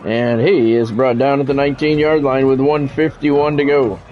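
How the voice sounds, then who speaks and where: Sounding like he's on a phone line, a man of medium pitch talks at a normal speed in a steady tone. He streams live, calling sports play-by-play in short announcer-style bursts mixed with casual remarks to viewers.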